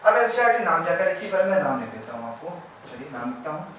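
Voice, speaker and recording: A man teaching a biology lesson at a board. He explains step by step, asks his class if it is clear, and goes loud and then quiet as he draws. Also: fairly high pitch, sing-song, quick pace, recorded from a distance. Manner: loud when explaining, quiet and trailing off while drawing. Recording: very echoey room, voice off-mic, faint background hiss.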